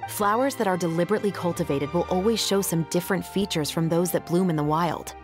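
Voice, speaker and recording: A woman with a natural, low-leaning voice plays a young patrol captain in a video game, earnest and dutiful in character. She sounds composed and explanatory, speaking in a formal, measured way as music plays behind her.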